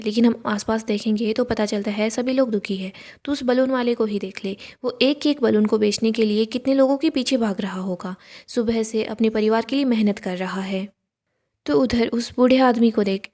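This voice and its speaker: A woman narrating a recap of a TV serial episode in a steady, even storytelling voice, reading the quoted dialogue without changing her voice. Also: a little high.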